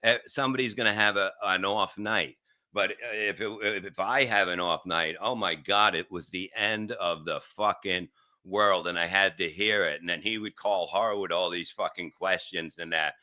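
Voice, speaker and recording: A man and show regular in a profane, halting rant, stammering and restarting as he vents his grievances. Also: sits low, sharp tone. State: in pain. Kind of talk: casual talk.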